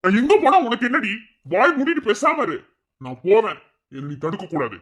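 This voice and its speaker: A man's voice: a little high, fairly quick, lightly acted. Short-fused cartoon husband, madurai tamil accent, curt and snappy, man voicing him. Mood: snapping. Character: angry young village husband, hot-tempered. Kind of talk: cartoon voice acting.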